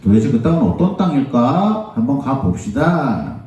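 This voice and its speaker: A man tells a Bible story to children in a church, swinging his pitch up and down with lively energy. His tone is warm and mellow rather than bright. He sounds far from the mic, with heavy echo filling the room. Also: normal speed. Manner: animated, acts out the crowd's voices. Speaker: Sunday school preacher. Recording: echoey church hall, voice from far off.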